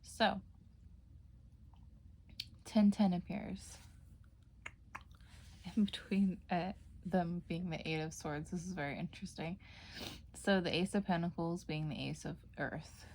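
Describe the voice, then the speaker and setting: A woman's voice: lowish voice, slow, pauses often, darkish tone, slight background noise. A woman giving a casual tarot reading, chatty, with frequent fillers and self-corrections. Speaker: tarot reader.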